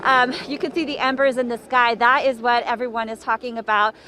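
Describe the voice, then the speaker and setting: A woman's voice: a little high, little pitch movement, fairly quick, background noise. A woman field reporter walking and talking urgently through a live breaking news report outdoors near a wildfire, out of breath.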